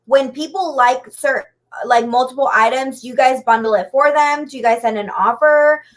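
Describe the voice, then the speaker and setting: Female podcast co-host, high bright-pitched voice, chatty, loose casual delivery. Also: normal speed. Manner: chatty, full of "like" fillers. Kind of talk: casual chat.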